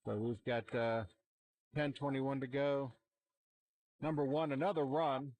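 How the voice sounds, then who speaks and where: A man calls football play-by-play at an outdoor field. He talks in a relaxed, rambling way, with fillers and restarts. His pitch sits in a typical middle range for a man. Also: unhurried, no echo. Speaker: play-by-play commentator. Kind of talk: amateur sports commentary. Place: outdoor football stadium sideline. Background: cheering fans.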